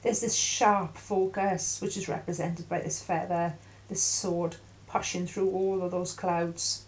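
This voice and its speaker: A middle-aged woman giving an intuitive tarot reading in a musing, halting way with many fillers. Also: on the low side, steady tone, low-quality recording. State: coughing at times. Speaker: tarot reader.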